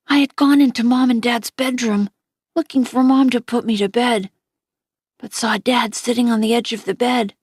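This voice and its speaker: A woman narrating an audiobook in a gentle, unhurried reading voice. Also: fairly high pitch, slightly rough, no room sound, clean studio sound.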